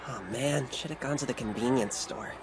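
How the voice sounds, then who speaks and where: An actor playing an earnest teenage schoolboy who sees spirits, flustered and quick to scold himself, in an anime dub. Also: male voice, medium pitch, lightly acted. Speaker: high school student. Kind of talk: anime English dub acting. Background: background score.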